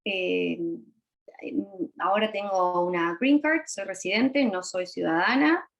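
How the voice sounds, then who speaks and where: A woman from Argentina with an Argentine Spanish accent, in her thirties. She speaks on a video call as a panelist. Her talk is shy and halting, full of fillers and restarts. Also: medium pitch, creaky, highs cut off. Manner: shy, hesitant, many fillers.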